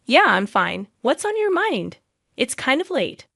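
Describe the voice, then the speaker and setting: A woman voicing a gentle, apologetic husband on the phone in a narrated story. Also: high voice, very animated, unhurried, gravelly, no room sound, studio quality, heavily acted. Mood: soothing. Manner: soothing, apologetic.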